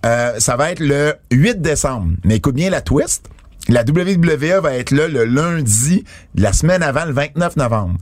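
A man's voice: fairly high pitch, animated, moderate pace, dry recording, studio quality. A man with a Quebec French accent co-hosting a wrestling podcast in casual chat, talking with many fillers and restarts.

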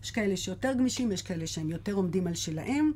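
A woman's voice: medium pitch, lively intonation, darkish tone, slightly rough. A woman with an Israeli accent speaking conversationally as an interview guest, often repeating words for emphasis. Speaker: casting director interviewed as guest.

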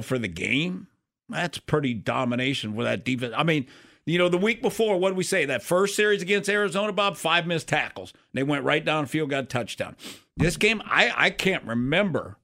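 A man's voice: mid-range voice, bright, forceful tone. A man co-hosting sports radio, giving casual football analysis in an emphatic, repetitive, conversational way.

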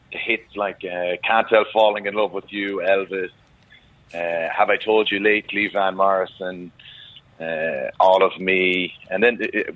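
A man with a western Irish accent talks in a casual, rambling interview style, often repeating phrases as he goes. His voice sits fairly low and comes through a narrow, phone-like line with little room sound. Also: no echo. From Galway, Ireland. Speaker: wedding singer and musician guest.

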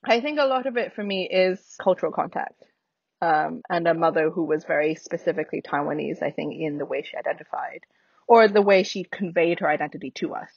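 Husky, low-voiced American woman, British influence. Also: fairly quick, no echo, dull audio. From United States. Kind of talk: casual reflective chat.

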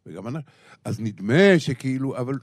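A man guesting in a radio studio, speaking in a reflective, measured way. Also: mid-range voice, sing-song, darkish tone, no room sound. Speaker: comedian guest. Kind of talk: talk show conversation.

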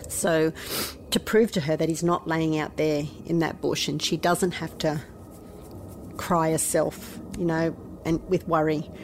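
A middle-aged Australian woman, a mother speaking about her missing teenage son in an interview, soft and halting, sometimes dropping to a near whisper. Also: low-pitched, fairly even intonation, a little hiss or hum. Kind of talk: emotional interview testimony.

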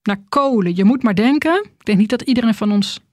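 A woman preacher giving a sermon, first reading a scripture passage in a measured, deliberate way and then speaking to her listeners. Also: a little high, animated, no room sound, studio quality.

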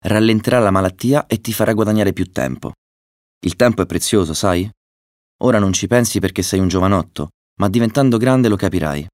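A man reading a children's story, voicing a calm, wise female owl doctor who explains gently. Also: fairly low pitch, fairly quick, no room sound, clean studio sound, lightly acted. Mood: calm, explaining.

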